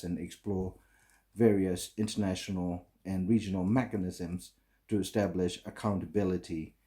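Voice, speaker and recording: A middle-aged man from Burma with a Burmese accent, giving a recorded conference talk in halting English full of fillers and restarts. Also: lowish voice, warm tone. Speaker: conference speaker.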